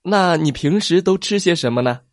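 A man voicing a gentle, kind male sea reptile who speaks eagerly and warmly. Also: fairly high pitch, lively intonation, moderate pace, no room sound, studio quality, pitched above the performer's own voice, close to an everyday voice. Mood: friendly.

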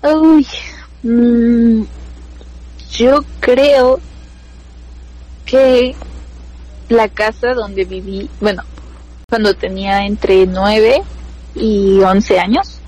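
A woman's voice: fairly high pitch, very slow, long pauses, darkish tone, low-quality recording. A woman chatting casually, recalling personal memories in a thoughtful way. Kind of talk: casual storytelling chat.

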